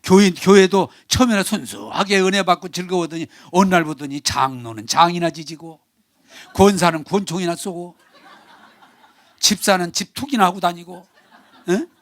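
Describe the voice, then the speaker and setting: A male pastor preaching a Sunday sermon in Korean, animated, acting out quarrelling family members. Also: sits high, moderate pace, dry recording. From South Korea. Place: church sanctuary.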